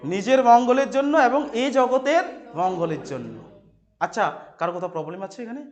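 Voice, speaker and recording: A man teaching Sanskrit verses to a class. He quizzes the students, repeats key phrases and chants the verses slowly. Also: extremely high pitch, expressive, lo-fi sound. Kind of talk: classroom lecture explaining verses.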